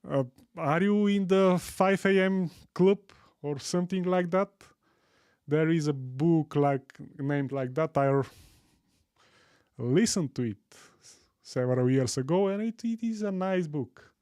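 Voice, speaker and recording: A Bulgarian man in his forties hosting a live tech stream, enthusiastic and warm toward viewers, often repeating himself as he goes. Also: fairly high pitch, a little slow, clean tone, dry recording, studio quality. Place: home studio room. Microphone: studio mic on boom arm.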